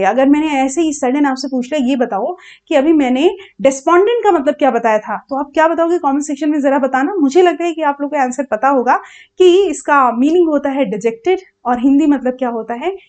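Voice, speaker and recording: High-voiced Indian woman teaching vocabulary. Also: a little fast, darkish tone. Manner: explains in Hindi mixed with English, questions the class. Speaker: English teacher. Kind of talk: online vocabulary lesson.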